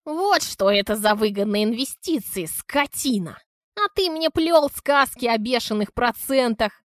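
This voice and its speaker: A woman's voice: on the high side, animated, a little slow, dry recording, studio quality. A woman reading an audiobook, voicing an enraged older wife who screams insults. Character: furious older woman, shrill, hot-tempered.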